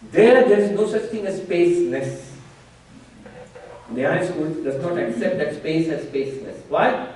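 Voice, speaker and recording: Monk lecturing from far in an echoey hall. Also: male voice, a little high, unhurried, darkish tone. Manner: explains patiently, acting out an opponent's objections. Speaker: monk teaching a retreat. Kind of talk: lecture on scripture. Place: retreat hall.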